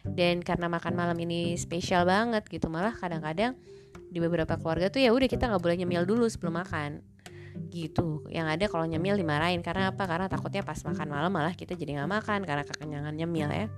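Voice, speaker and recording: A woman's voice: fairly low pitch, fast. An Indonesian woman telling a chatty story about her exchange year, full of fillers and switching into English phrases. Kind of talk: casual storytelling monologue. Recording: clear music playing under the voice.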